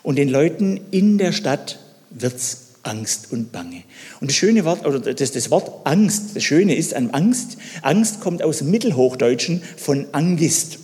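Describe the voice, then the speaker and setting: A man preaching a sermon, telling a story and putting questions to the listeners, moving between loud and hushed delivery. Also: a little high, animated, a little slow, in a large hall.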